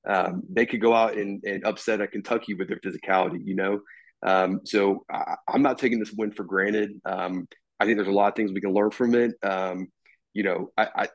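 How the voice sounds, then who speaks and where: A man's voice: fairly low pitch, steady tone, dry recording. A man co-hosting a sports podcast, talking casually with lots of restarts and fillers. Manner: halting, many restarts and fillers. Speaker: podcast co-host.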